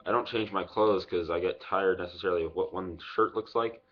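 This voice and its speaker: A man's voice: sits low, steady tone, fairly quick. A man in his twenties giving a casual, unscripted review with swearing, talking with a lip packed full of dip into a webcam mic. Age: 20s. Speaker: product reviewer vlogger. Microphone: webcam microphone at arm's length. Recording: dull lo-fi webcam audio.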